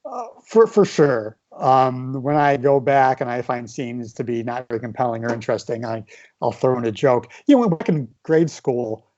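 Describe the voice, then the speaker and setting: A man's voice: mid-range voice, moderate pace, a little mellow. A man from the Midwest, a children's book author, chatting loosely in an interview, self-deprecating and full of fillers. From American Midwest. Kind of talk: casual interview. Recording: dull lo-fi sound.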